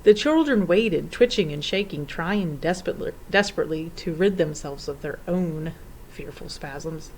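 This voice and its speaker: Woman reading a kids story aloud, expressive, lowish voice, faint hiss behind. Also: normal speed, rough recording. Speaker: narrator.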